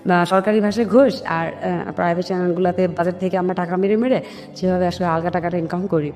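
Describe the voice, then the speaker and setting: A woman with a lowish, fast voice and a Bangladeshi accent tells her personal story to an interviewer, lively and full of quoted family dialogue, with some English words mixed in. Music runs beneath, and there's a long hall reverb.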